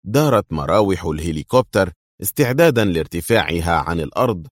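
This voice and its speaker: Deep-voiced man narrating an audiobook. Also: sing-song, a little fast, no echo, clean studio sound.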